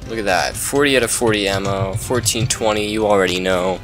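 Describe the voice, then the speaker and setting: Faint music plays behind a young man whose fairly quick, low-side, slightly bright voice carries casual, self-deprecating commentary over his gameplay. He breaks into yelps and laughter when things go badly.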